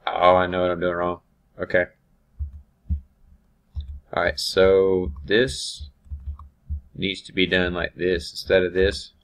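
Low gravelly man talking through software. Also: level tone, slow, long pauses. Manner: thinking aloud, hesitant with ums and restarts. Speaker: automation instructor. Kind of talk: screen-recorded software tutorial.

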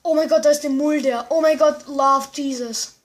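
High voice, excitable gaming commentary, lots of exclamations, muttering in between. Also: moderate pace. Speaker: gamer. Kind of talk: excited let's-play commentary.

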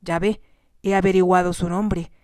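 A woman's voice: fairly low pitch, flat delivery, normal speed, mellow, no echo, studio quality, close to an everyday voice. A woman voicing a pushy man who forces his way into a lady's room and brushes off her pleas. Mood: smug insistent. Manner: insistent, smug.

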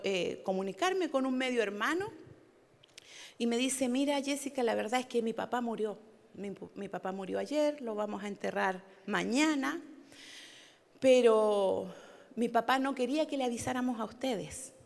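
A middle-aged woman pastor, preaching a sermon and telling a personal story, emphatic and repetitive. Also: high-pitched.

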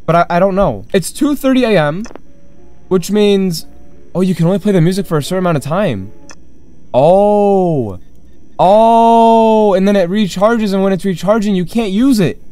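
A man's voice: high-pitched, expressive, normal speed, warm tone, faint music behind. A man hosting a horror game let's play, confused and jumpy, talking to himself as he plays. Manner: jumpy, confused, talks to himself while playing. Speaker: gaming channel host.

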